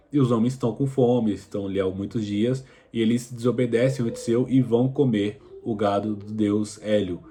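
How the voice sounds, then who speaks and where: A man hosting a history video, casually retelling an ancient story with loose, colloquial phrasing and frequent hesitations. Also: on the low side. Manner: relaxed retelling with frequent fillers and restarts; colloquial, addresses viewer directly. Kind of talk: casual educational explainer.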